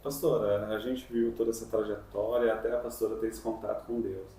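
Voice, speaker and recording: A podcast host interviewing a guest, asking gentle prompting questions and giving short agreements. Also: medium pitch, steady tone, brisk. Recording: echoey room, distant mic, faint noise.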